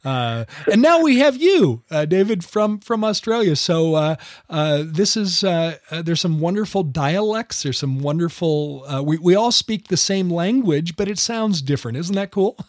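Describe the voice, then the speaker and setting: A man's voice: fairly high pitch, lively intonation, normal speed, dry recording, clean studio sound. An American man hosting an interview show, casually chatty and rambling, with many filler words and restarts. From United States. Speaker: podcast host.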